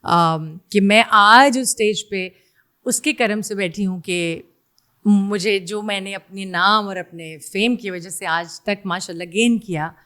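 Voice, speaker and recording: A middle-aged woman with a Pakistani Urdu accent, a singer chatting casually as an interview guest, pausing often with fillers and slipping into English. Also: medium pitch, bright, forceful tone. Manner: hesitant, many fillers, mixes in English.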